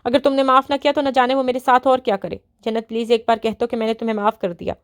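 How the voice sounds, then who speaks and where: A woman's voice: a little high, level tone, clean tone, no room sound, studio quality, natural voice. A woman voicing a remorseful, broken man who pleads for forgiveness. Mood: pleading.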